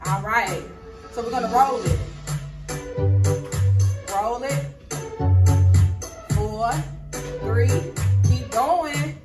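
A young American woman leads a workout as an aerobics instructor. Her voice is high and unhurried, stretching out energetic commands and counts. She is recorded from a distance in a roomy hall, with loud music playing. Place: large indoor hall with hard floor. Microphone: far camera. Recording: echoey room, distant mic, loud music.

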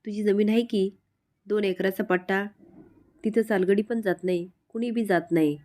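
A woman voicing a gruff older village man. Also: mid-range voice, steady tone, normal speed, darkish tone, lightly acted.

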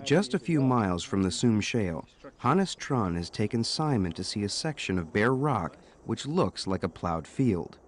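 A man's voice: on the low side, sing-song, moderate pace, few pauses, slight background noise. A man giving a scripted, dramatic nature documentary narration in the manner of a storyteller. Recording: music under the voice. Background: music.

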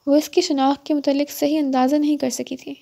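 A woman narrating a novel as an audiobook, in a steady storytelling read. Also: high-pitched, vocal fry.

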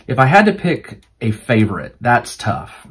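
A man at an ordinary, middle pitch chats casually through viewer questions for his tabletop crafting channel. He rambles, trails off and restarts often, filling gaps with "um" and "you know." His voice is starting to wear out. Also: huge pitch swings, a little slow, fairly bright tone, breathy edge. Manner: rambling, with many fillers and restarts. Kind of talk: casual Q&A chat to camera.

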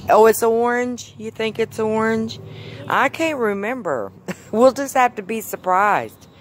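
A mother gives a garden tour of her backyard vegetable patch, filming on her phone and patiently asking a toddler simple questions in a casual home video. Her voice sits on the high side and moves a little slowly. The low-quality recording carries a slight hiss or hum.

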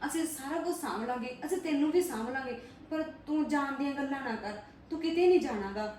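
A woman acting in a family drama, comforting and insisting in a quick, firm way. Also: high voice, a little mellow. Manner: comforting, insistent, fast-talking. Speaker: actor in a family web drama. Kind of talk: scripted family drama dialogue. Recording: echoey room, far from mic, faint noise.

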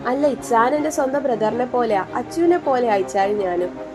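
A woman's voice: a little high, animated, normal speed, music in the background, natural voice. A woman voicing a shy but cheeky young wife who talks in a playful, flustered way in a storybook reading.

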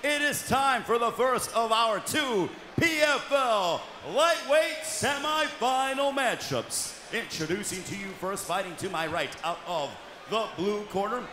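A man working as a cage announcer, bellowing theatrical fighter introductions with drawn-out names, in the showy manner of a lucha libre announcer. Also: sits high, animated. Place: large indoor arena, inside the cage. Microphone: handheld microphone. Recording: echoey arena PA with loud noise.

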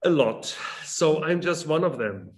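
In his fifties, a German author guest talks over a webcam video call from a home room where a large drawing hangs on the wall. His slightly high voice is expressive, but his casual interview talk is halting, full of restarts and fillers.

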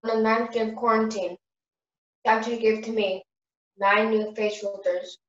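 Higher-voiced woman reciting, echoey and distant. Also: little pitch movement, unhurried. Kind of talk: dramatic recited reading of a parody carol. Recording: echoey, distant, muffled video-call audio.

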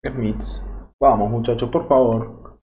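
A man's voice: mid-range voice, steady tone, slow pace, dark tone, lo-fi sound. A young man with a Rioplatense accent commenting live on a football management game, exasperated and pleading with the game. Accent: Rioplatense Spanish. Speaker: gaming YouTuber.

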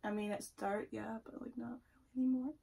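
Husky, slightly high young woman. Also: fairly even intonation, brisk, mellow. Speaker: vlog co-host playing a quiz challenge. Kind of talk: casual chat. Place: small room at home, indoors.

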